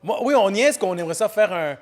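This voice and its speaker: Podcast guest, man, playful, drops English slang, pitch swings a lot. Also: brisk. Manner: animated, laughing, mixes English slang. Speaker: guest artist. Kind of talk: casual podcast banter. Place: podcast studio.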